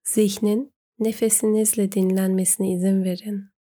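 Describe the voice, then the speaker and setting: A woman narrating a guided meditation, giving gentle, unhurried instructions with pauses. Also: medium pitch, flat delivery.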